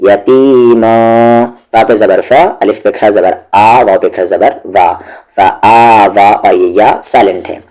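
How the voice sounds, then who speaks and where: Male recitation tutor, lowish voice, very slow and deliberate, drills syllables patiently. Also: steady tone, dark tone. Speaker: Quran recitation teacher. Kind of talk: slow step-by-step tajweed lesson.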